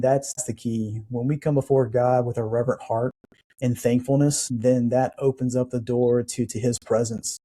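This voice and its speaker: A man's voice: medium pitch, mellow. A man hosting a podcast, speaking in an affirming, reflective way in casual conversation. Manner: affirming and reflective, calls the guest man and brother. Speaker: podcast host.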